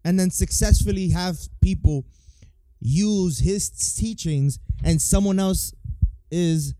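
A man hosts a casual live stream and talks up his guest with easy enthusiasm. His voice sits a little high but sounds dark and mellow. The sound is close and dry. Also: slow, clean tone, no echo. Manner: hyping up his guest, conversational.

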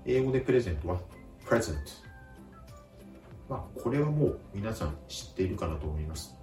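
A man teaching a vocabulary lesson, speaking calmly and slowly repeating each word with careful pronunciation. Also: fairly low pitch, echoey room, recorded from a distance, faint music behind. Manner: slow, careful pronunciation drills. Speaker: language teacher.

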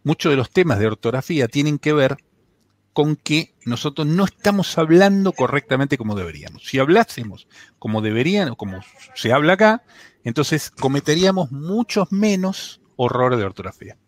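A man from Argentina speaks with a Buenos Aires accent, in a fairly high voice that rises and falls a lot. He explains things at length in casual radio chat and often restarts his sentences. The sound is dry, close and free of room echo. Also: sing-song, moderate pace. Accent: Buenos Aires Spanish. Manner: talkative, explanatory, with many restarts. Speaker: tech segment contributor.

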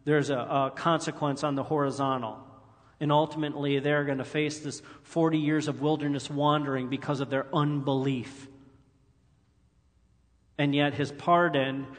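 A man's voice: a little high, in a large hall. A male pastor preaching a sermon in an earnest way, reading scripture aloud with emphatic rises.

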